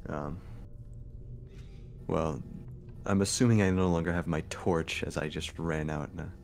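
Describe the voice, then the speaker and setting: A man's voice: extremely low pitch, steady tone, unhurried, vocal fry, darkish tone, faint music behind. A man playing in a tabletop game, chatting casually with dry, sarcastic asides. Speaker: player.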